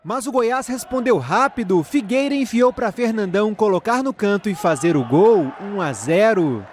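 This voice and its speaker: A Brazilian man narrating scripted football highlights. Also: expressive, moderate pace, background noise. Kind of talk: scripted sports recap.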